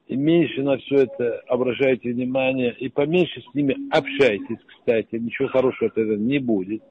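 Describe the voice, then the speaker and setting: Husky man on a leaked phone call. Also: mid-range voice, fairly even intonation, a little fast. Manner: blunt, advising, with casual swearing. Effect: recorded phone call. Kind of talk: private phone conversation. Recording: muffled leaked phone recording.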